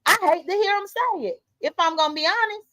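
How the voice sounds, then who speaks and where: Woman in her late 30s, high voice, blunt and emphatic, vlog commentary. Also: brisk, bright, forceful tone, low-quality recording. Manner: emphatic, blunt, talks straight to viewers. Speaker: vlogger. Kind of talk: casual commentary monologue.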